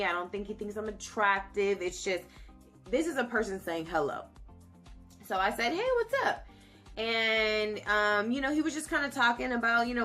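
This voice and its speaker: A young American woman vlogging, telling a story in a casual, animated way and acting out the voices of people she quotes. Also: mid-range voice. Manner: animated, acts out quoted dialogue.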